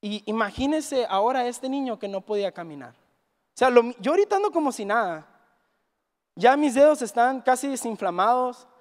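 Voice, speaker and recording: A man's voice: very high-pitched, moderate pace. A man with a Mexican Spanish accent preaching a Sunday sermon, telling a story and acting out the people in it. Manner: animated storyteller, acts out quoted dialogue. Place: church hall. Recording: reverberant hall.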